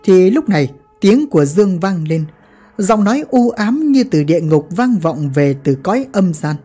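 A woman with a low voice tells a gangster ghost story, her pitch swinging widely with drama. Faint music plays under her narration. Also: normal speed, breathy edge. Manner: lively dramatic telling.

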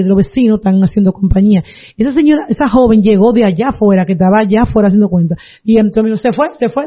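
Earnest woman giving a religious testimony. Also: medium pitch. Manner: earnest storytelling with preaching asides. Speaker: testimony giver. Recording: dull lo-fi recording.

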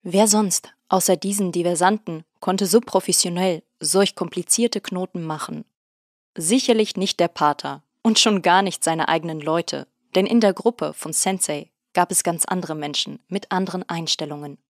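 A woman reads a story aloud in a steady, measured way, her voice on the low side. The recording is dry and close, with no room sound. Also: no echo. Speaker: narrator. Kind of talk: audiobook narration.

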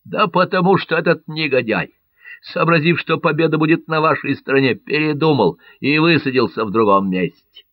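A man voicing a wounded, boastful Catalan buccaneer in an audiobook, loud and full of oaths. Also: on the high side, expressive, normal speed, dry recording, muffled recording, voice pushed up, close to an everyday voice. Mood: emphatic. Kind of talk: audiobook character voice.

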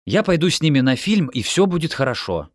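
A flustered young man protesting everything, as the reader voices him, close to his own voice but raised and lively. Each objection comes out exasperated, recorded dry and close. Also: fairly high pitch, fairly quick, no echo, voice pushed up. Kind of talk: audiobook character voice.

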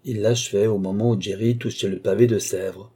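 A man narrating a classic novel as an audiobook reader, in a measured, dramatic storytelling manner. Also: lowish voice, steady tone, warm tone, husky.

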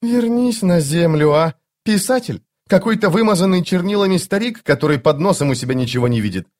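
A man's voice: high voice, lively intonation, fairly quick, darkish tone, voice pushed up. Man doing a haughty young noblewoman. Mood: scornful. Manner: scornful, scolding.

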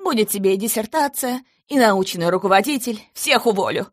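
A vengeful betrayed wife screams her insults as a woman narrator acts her out, raised high and loud above the reading voice. The tone keeps a husky grain, and the audiobook recording is dry and close. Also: lively intonation, brisk, no room sound, natural voice. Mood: furious shouting.

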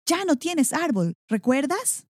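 A cranky, bossy village mayor from a children's tale, as a woman reading aloud plays him. He scolds and blusters with a voice that swings widely in pitch. The recording is close and dry. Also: sing-song, takes it slowly, no room sound, full character voice. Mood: scolding. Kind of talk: storybook character voice.

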